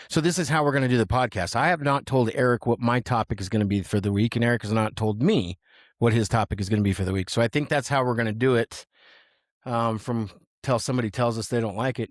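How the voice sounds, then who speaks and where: A man's voice: medium pitch, fairly quick, no room sound, studio quality. A young man co-hosting a podcast from a small office, rambling casually with plenty of fillers and restarts. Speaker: podcast co-host. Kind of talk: casual unscripted chat.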